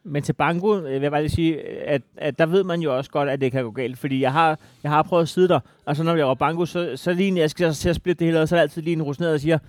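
A man's voice: fairly high pitch, steady tone, hardly any pauses, no echo. A man co-hosting a podcast, arguing his point in a heated casual debate and pressing the others with pointed questions. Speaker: podcast co-host.

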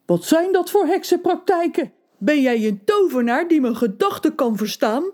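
A woman's voice: high-pitched, big pitch swings, moderate pace, a little mellow, pitched above the performer's own voice. A startled, fearful tailor from a storybook, as a female narrator puts him on. The voice stays close to her own and rises in alarm. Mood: frightened. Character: frightened, threatening male tailor.

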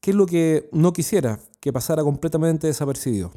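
A man's voice: a little high, expressive, brisk, warm tone. A man with a Chilean accent hosting a solo podcast, talking in a chatty, earnest way with many fillers and restarts. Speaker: podcast host and sales consultant.

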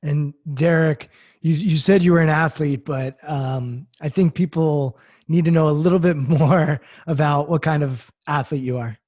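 A man's voice: on the high side, steady tone, moderate pace, darkish tone, no echo, dull audio. A man moderating a panel, thanking guests and handing over to them, with stammered repeats. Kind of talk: panel discussion.

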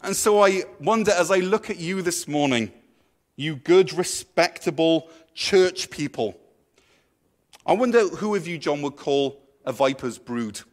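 High-voiced pastor preaching. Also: male voice, animated, normal speed, few pauses. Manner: conversational, playful, with restarts. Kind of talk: sermon.

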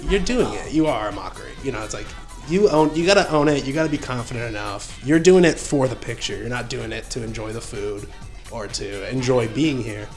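A man hosting a relaxed podcast talk, telling stories in a lively, rambling way with lots of fillers and frequent laughter. His voice sits at a middle pitch. Music plays clearly behind him. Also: brisk. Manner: animated storyteller, laughs often, many fillers. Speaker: podcast host. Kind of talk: casual chat.

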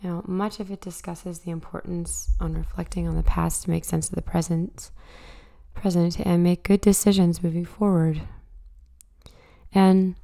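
A woman hosting a casual spoken monologue, hoarse and raspy from a cold, talking thoughtfully with many fillers. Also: lowish voice, mellow. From Canada. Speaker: podcast host.

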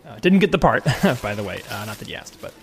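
A man's voice: medium pitch, very animated, fairly quick, slight background noise. A man playing a rambling would-be children's actor. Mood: flustered. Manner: rambling, hesitant, over-explaining. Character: awkward adult male aspiring children's actor, rambling, defensive. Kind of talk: improvised comedy scene.

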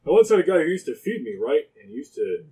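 A man's voice: fairly high pitch, very animated, fast, mellow, far from the mic, low-quality recording. A man voicing a big, doofy and very polite male moose in a tabletop game, telling a rambling story in a friendly way.

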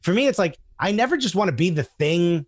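Male comedian guest with a slightly high voice, animated and profane, recorded dry and close. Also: a little fast, dry recording. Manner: animated storyteller, swears freely, acts out quotes. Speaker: podcast guest. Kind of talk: casual chat.

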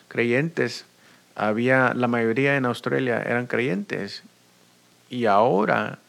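A man preaching a bilingual sermon as a pastor, talking slowly and deliberately, moving between two languages and repeating each point. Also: medium pitch, gravelly, a bit bright. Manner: switches between Spanish and English, repeating points; slow, deliberate preaching with restarts. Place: United States.

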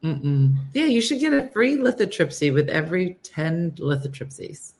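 A woman hosting a casual livestream, chatting with viewers in a listless, low-energy, dry deadpan way. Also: normal speed. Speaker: host of a morning livestream show.

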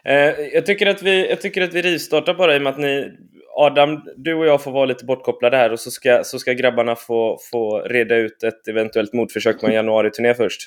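A man's voice: mid-range voice, fairly even intonation. A man hosting a podcast in casual chat, informal and hesitant with many fillers. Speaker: podcast host.

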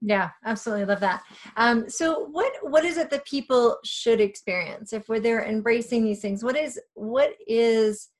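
A woman hosts a podcast interview, asking questions and chatting in an animated way. She laughs easily. Her voice sits a little high. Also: moderate pace. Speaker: podcast host.

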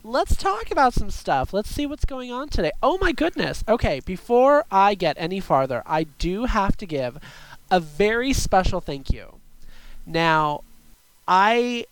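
A man's voice: high-pitched, big pitch swings, a little slow, fairly bright tone, no room sound, poor audio. A man hosting a show with a chatty, campy drag queen delivery. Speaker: show host.

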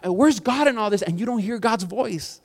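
A man's voice: high-pitched, expressive, normal speed. A man in his forties preaching a sermon in a conversational style, rising to emphatic peaks. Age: 40s. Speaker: pastor. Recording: long hall reverb.

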